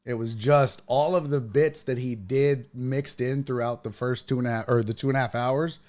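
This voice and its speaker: A fifty-something man hosting a casual podcast, rambling through his stories and restarting his sentences as he goes. His voice sits at an ordinary middle pitch for a man. He sounds loose and conversational, talking like a working comic. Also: steady tone, normal speed, a little mellow. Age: 50s. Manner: rambling storyteller, repeats himself, frequent verbal restarts. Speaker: podcast host and stand-up comic. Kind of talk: casual chat.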